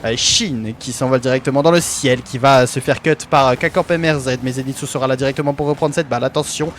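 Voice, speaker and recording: A medium-pitched man speaks fast, giving amateur play-by-play of an esports match featuring his own team. He sounds hesitant, filling gaps and correcting himself often, with slight background noise.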